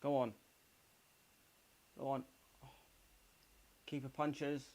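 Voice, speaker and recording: A man's voice: medium pitch, level tone, drawn-out words, a little mellow. Man streaming match commentary. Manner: partisan, addresses chat as "mate" and "pal", urges his team on. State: slightly croaky from coughing. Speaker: fan streamer doing a live watchalong. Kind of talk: casual live match commentary.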